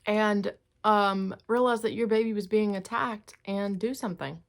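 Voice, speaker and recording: A woman's voice: medium pitch, normal speed. A middle-aged woman chatting casually to camera in an eating video, chewing noisily as she talks with her mouth often full. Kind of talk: casual mukbang chat to camera, commenting on a news story.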